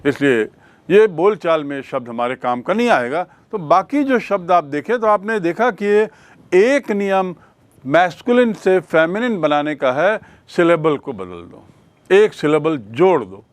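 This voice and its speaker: A male teacher leads a grammar lesson at a very unhurried pace, asking questions and answering them himself. His voice sits somewhat high for a man, and he spells words out letter by letter. The recording is dry and close. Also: very animated, no room sound. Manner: explains in Hindi mixed with English, repeats questions and spells words letter by letter.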